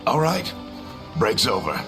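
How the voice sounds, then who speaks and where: An actor playing a seasoned male adventurer companion with a gruff, dry, wisecracking delivery. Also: lowish voice, very animated, unhurried. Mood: wry. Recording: game audio with loud music.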